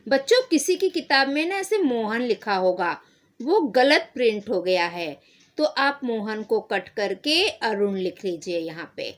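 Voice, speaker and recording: A woman teacher with a Marathi-influenced Hindi accent, slowly reading and explaining a school lesson to children, acting out the characters' lines. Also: lively intonation. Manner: slow, explanatory, acts out character lines with rising pitch.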